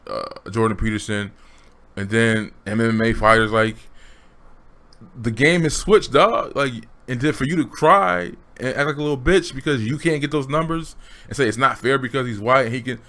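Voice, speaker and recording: Brief: man, mid-pitched, casual vlog commentary, blunt and slangy, talks straight to viewers. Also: normal speed, bright, forceful tone. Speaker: commentary vlogger.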